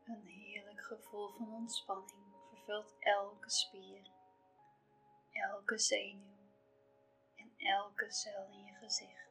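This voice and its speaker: A woman reading a scripted guided relaxation in a soft, soothing, half-whispered delivery with measured, calming phrasing. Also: medium pitch, gravelly, rough recording. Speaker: guided relaxation narrator for pregnancy. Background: soft music.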